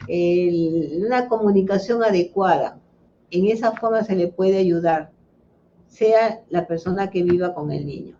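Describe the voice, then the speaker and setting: A woman's voice: fairly low pitch, measured pace, mellow, slight background noise. A middle-aged woman psychologist answering interview questions, telling a case story with many fillers and restarts. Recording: dull lo-fi livestream sound.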